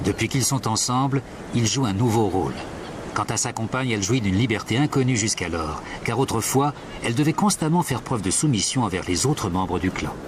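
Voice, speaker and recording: A man narrating a scripted nature documentary in a measured, storytelling manner. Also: on the low side, lively intonation, background noise. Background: prominent music.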